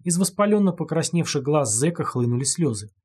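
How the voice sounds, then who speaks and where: A man narrating an audiobook in a steady, dramatic reading voice. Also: on the high side, brisk, husky.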